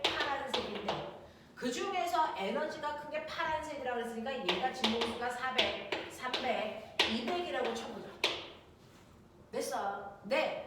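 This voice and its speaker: Female science teacher, highish animated voice, noisy recording. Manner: lively, checks in with students often. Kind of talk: classroom lecture. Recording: echoey room, distant mic, noisy.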